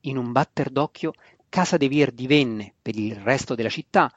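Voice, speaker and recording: A man reading a fantasy novel aloud in a steady, measured scripted narration. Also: medium pitch, dry recording. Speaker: audiobook narrator. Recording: dry, slightly dull lo-fi recording.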